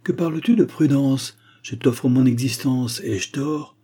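A man's voice: medium pitch, a little slow, mellow, husky, pitched above the performer's own voice. A man voicing an impulsive young Venetian captain in an audiobook reading, with a fervent, emotional delivery. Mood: ardent.

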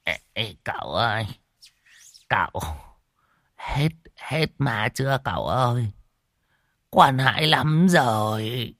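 A man's voice: medium pitch, expressive, slow pace, long pauses, fairly bright tone, no echo, studio quality, voice pushed up. A man voicing a scrawny, panicky old man who whines and grumbles. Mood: panicked. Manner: whiny, grumbling, gravelly.

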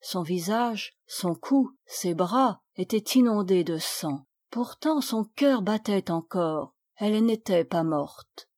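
A woman narrating a storybook aloud in a measured, expressive reading. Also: medium pitch. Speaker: audiobook reader. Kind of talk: audiobook narration.

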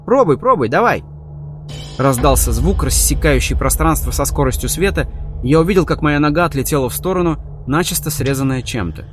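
A man narrating a first-person audiobook in a steady, expressive reading. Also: mid-range voice.

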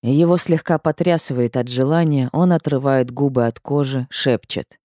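A woman reading a first-person audiobook with emotional delivery and sudden high cries. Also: moderate pace, mellow, dry recording, clean studio sound. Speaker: audiobook narrator.

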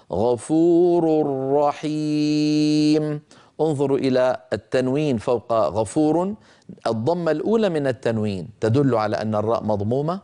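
A man's voice: mid-range voice, warm tone. A middle-aged man giving a Quran recitation lesson, patiently explaining the rules and stretching out the example words as he chants them.

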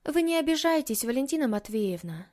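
A woman reading the part of a gentle young woman who speaks softly and coaxingly, for an audiobook. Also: sits high, big pitch swings, fairly quick, voice pushed up. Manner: soft, sighing.

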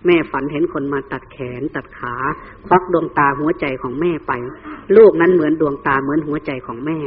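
A man's voice: a little high, fairly even intonation, brisk, in a large hall, natural voice. A monk voicing an anxious grieving royal mother. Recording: tinny phone-like recording.

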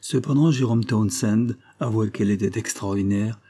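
Husky, dark-voiced male storyteller. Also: fairly low pitch. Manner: measured, literary. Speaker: narrator. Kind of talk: audiobook reading of a short story.

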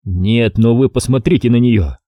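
A man voicing a gruff, impatient middle-aged police chief who talks in slang, in an audiobook. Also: medium pitch, moderate pace, dry recording, highs cut off, natural voice.

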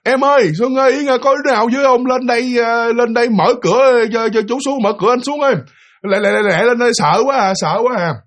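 A terrified middle-aged homeowner cries out for help, as a storyteller puts him on. His voice rides high and loud with panic, and he begs over and over. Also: quick pace, hardly any pauses. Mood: panicked. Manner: panicked, begging, shouting for help.

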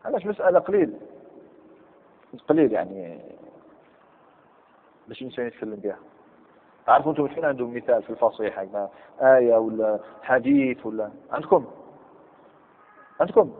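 A man's voice: medium pitch, animated, brisk, long pauses. Guy teaching grammar class, keeps quizzing students n repeating examples, tinny phone-like sound. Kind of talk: classroom lesson. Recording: tinny lo-fi recording in echoey hall.

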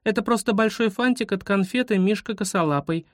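A man's voice: high-pitched, fairly quick, dry recording, voice pushed up, natural voice. A dismissive know-it-all schoolgirl with a raised voice, put on by a man reading the story. She sounds close and dry.

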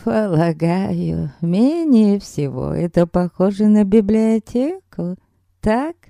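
A woman putting on a frail old grandmother with a low, creaky, mumbling voice, dragging out every word in a storybook reading. The tone is dark and mellow, with a dry, close sound. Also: animated, slow pace, no room sound. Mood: slow, gruff.

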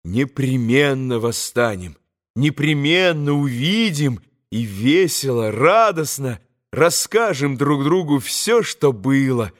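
A man doing an earnest, gentle young speaker. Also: lowish voice, expressive, slow. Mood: joyful. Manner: tender, earnest oratory. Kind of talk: audiobook character reading.

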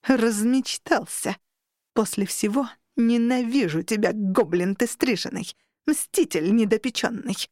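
A woman voicing a furious young heroine who yells insults in a high, shrieking voice. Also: measured pace, dry recording, clean studio sound, natural voice. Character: furious young heroine, guardian, sharp-tongued.

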